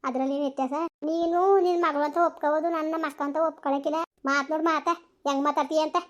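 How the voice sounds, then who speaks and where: A woman's voice: high-pitched, little pitch movement, quick pace, lo-fi sound, close to an everyday voice. A woman voicing a worried village mother who nags and pleads with her family. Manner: pleading, scolding. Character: worried village mother, nagging but caring. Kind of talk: village family drama acting.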